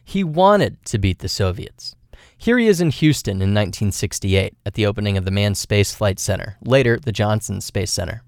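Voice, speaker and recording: A man's voice: lowish voice, expressive, normal speed, a little mellow, no echo. Dry studio radio reporter, a man. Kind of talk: scripted news feature narration.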